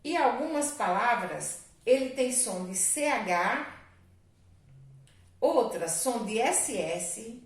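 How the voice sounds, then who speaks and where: A Brazilian woman teacher leads a dictation, sounding out each letter with patient, affectionate care. Her voice sits a little high, and she speaks very slowly. The sound is echoey, with the mic set back from her. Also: expressive. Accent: Brazilian Portuguese. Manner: slow, spelling words letter by letter, affectionate to pupils. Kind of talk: online spelling dictation lesson for children. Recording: echoey room, distant mic.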